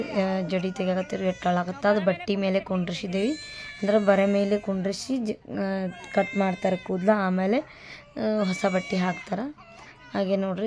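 A woman's voice: medium pitch, a little mellow. A middle-aged woman, narrating a family ceremony as a vlogger in a chatty way, repeating herself as she explains each custom step by step. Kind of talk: casual narration over family ceremony footage.

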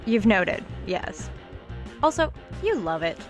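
A woman's voice: medium pitch, sing-song, takes it slowly, faint music behind. An actress playing a young college woman who talks in a dry, teasing way. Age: young adult. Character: young college woman, wry and then alarmed. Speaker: college student.

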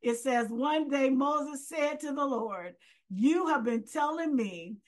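A woman's voice: high voice, takes it slowly. A woman preacher delivering a fervent sermon, often crying out hallelujah and reading scripture aloud. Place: virtual church gathering.

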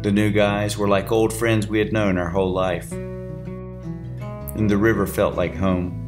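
Low-voiced man, reflective narration, guitar music underneath. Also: little pitch movement, a little slow. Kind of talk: scripted narration.

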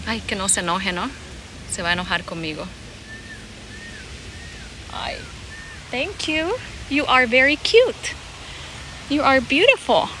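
This is a woman from Bolivia, in her thirties, greeting live-stream viewers as she walks a garden holding her phone out at arm's length. Her voice is on the high side, pushed and bright, with lively intonation and a slow pace broken by frequent pauses. Birdsong and outdoor ambience fill the noisy phone audio.

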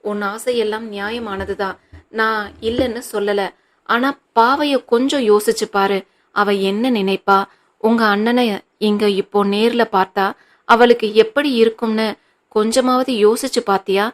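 A woman's voice: medium pitch, steady tone, measured pace, lightly acted. A woman voicing a hurt young husband who questions his wife in a pained, reproachful way in an audiobook reading. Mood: troubled.

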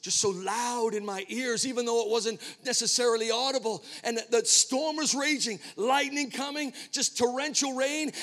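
A male pastor preaching a sermon, telling a personal story with dramatic swings between hushed and emphatic delivery. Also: very high voice, big-room sound. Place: church sanctuary.

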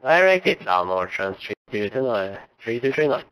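A man speaking as a pilot, giving brisk, clipped readbacks to air traffic control over the radio. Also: medium pitch, big pitch swings, a bit bright, smooth, dry recording. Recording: dull lo-fi radio audio.

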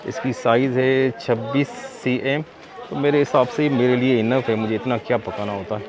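A man's voice: medium pitch, steady tone, moderate pace. A man vlogging his shopping trip, chatting and haggling playfully with sellers at an outdoor market. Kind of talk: casual shopping vlog. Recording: busy outdoor market crowd.

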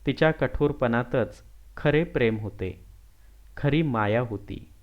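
A man reading a classic novel aloud, telling the story in a slow, steady way. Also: medium pitch. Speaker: audiobook reader. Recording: slightly dull lo-fi recording.

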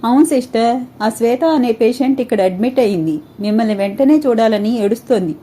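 A woman doing a young nurse, anxious, urgent, mellow voice. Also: on the high side, fairly quick, husky. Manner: urgent, worried pleading.

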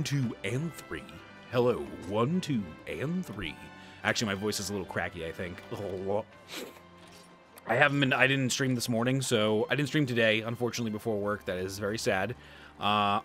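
Seated at a desk in a room at home, a man in his thirties streams a video game and chats casually, rambling a little and sounding somewhat stuffy-nosed. His voice is mid-range and a bit bright.

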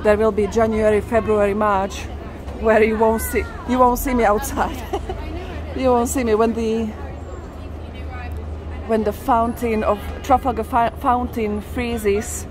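A walking tour vlogger chats casually and emphatically, narrating live as she walks a busy city street. Her voice is a little high, steady and a little slow. Music and crowd noise mix with the urban ambience of traffic and passing vehicles.

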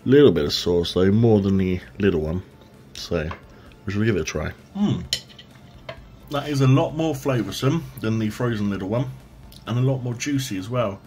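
A man's voice: lowish voice, animated, normal speed, mellow, faint music behind. Man talking with his mouth full. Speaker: food reviewer. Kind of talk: casual food review vlog.

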